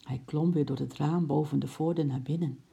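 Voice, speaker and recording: A woman reading a children's story aloud in a lively, expressive narration. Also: low voice, a little fast, creaky.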